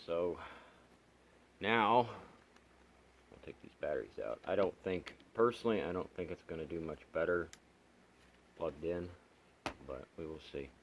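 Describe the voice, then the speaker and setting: In this amateur home video, a man demonstrates a product off the cuff, speaking in a low, measured voice with long pauses. He's a plainspoken hobbyist reviewer, half muttering to himself as he works, with steady noise in the background.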